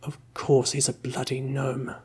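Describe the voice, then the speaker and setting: A man's voice: medium pitch, completely flat delivery, a little slow, darkish tone, slightly rough. A man muttering as an exasperated wizard. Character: exasperated cowardly male wizard. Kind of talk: whispered role-play.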